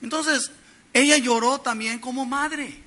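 A middle-aged man preaching an expository sermon, teaching earnestly and swinging between loud emphasis and soft, quiet drops. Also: extremely high pitch, a little slow.

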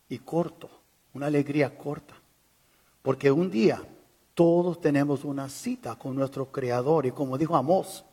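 A man with a slightly high, husky voice preaches to a church congregation. He drives his points with rising insistence, then sinks to hushed, grave warnings. His delivery is urgent and pleading. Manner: emphatic, swinging from raised insistence to low, quiet warnings. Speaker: pastor. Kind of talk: sermon.

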